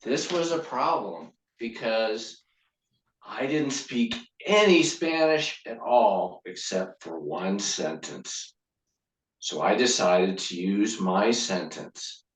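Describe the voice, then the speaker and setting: A man tells a funny story as a club speech, taking it slow and leaning into pauses. His pitch swings widely for effect. He sounds roomy and far from the microphone. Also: lively intonation. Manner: slow, deliberate delivery with dramatic pauses. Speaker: club speaker giving a speech. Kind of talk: humorous prepared storytelling speech. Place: meeting room.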